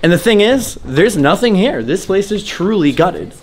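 A man in his twenties chatting casually and excitably in slang as he hosts an exploration vlog in empty indoor corridors. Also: high-pitched, normal speed. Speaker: vlog host. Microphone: handheld vlog camera at arm's length. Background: background music.

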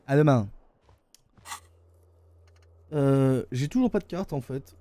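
A man with a French accent rambles through casual live-stream commentary while playing a game, his mid-range voice slow and dark-toned yet lively in intonation. He sounds hesitant, filling gaps with plenty of "euh" and repeating "attendez" again and again.

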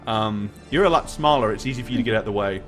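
A man's voice: fairly low pitch, quick pace, soft background music. A middle-aged man narrating a tabletop game off the cuff as dungeon master. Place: indoor room at home, on a group video call.

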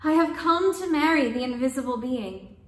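A woman voicing a humble, brave young woman who answers with calm wonder. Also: high-pitched, normal speed, echoey room.

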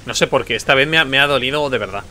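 Bright-voiced frustrated gamer, muttering. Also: male voice, mid-range voice, rapid-fire, a little hiss or hum. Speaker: gameplay commentator. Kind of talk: let's play commentary. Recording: faint music behind.

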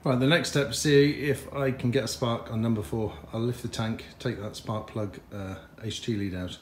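Working on a bike in his garage, a man talks to the camera, thinking aloud and growing frustrated as the repair goes on. His medium-pitched voice keeps a fairly even intonation at a moderate pace, with slight background noise.

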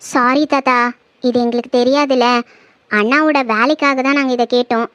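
A woman's voice: high voice, steady tone, normal speed, fairly bright tone, no room sound. A woman voicing a kind, curious young woman in a cartoon, talking earnestly. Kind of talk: cartoon voice acting.

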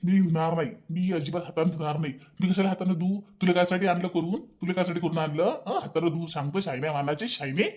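A man voicing a bossy, petulant young husband in a cartoon, with a Vidarbha Marathi accent, nagging and repeating himself in rapid bursts. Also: a little high, a little mellow, lightly acted. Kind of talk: cartoon voice acting.

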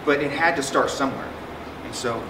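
A fairly quick, mid-range male voice belongs to a middle-aged psychiatrist joking his way through a casual conference talk, heavy on fillers and restarts. He presents at a symposium in a projector-equipped conference room, recorded from afar with echo and air conditioning hum.

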